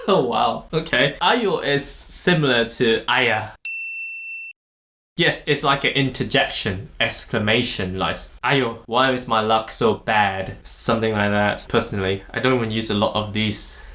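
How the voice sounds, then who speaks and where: A man's voice: lowish voice, measured pace, pushed and bright. Malaysian male host, chatty and instructive, laughs a lot, room echo audible. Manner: explanatory, laughs often. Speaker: podcast host. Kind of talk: casual teaching chat.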